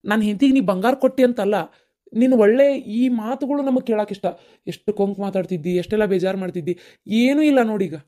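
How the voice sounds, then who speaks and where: A woman voicing an affectionate young grown son who speaks loudly and pleadingly, with a North Karnataka accent. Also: mid-range voice, fast, natural voice. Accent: North Karnataka Kannada.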